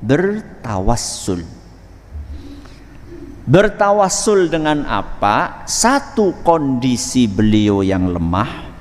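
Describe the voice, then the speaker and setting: Javanese-accented preacher in a reverberant mosque. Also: male voice, medium pitch, big pitch swings. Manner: asks the audience questions and waits for answers; recites Arabic verses slowly, then explains. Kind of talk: sermon. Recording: long reverb of a mosque hall.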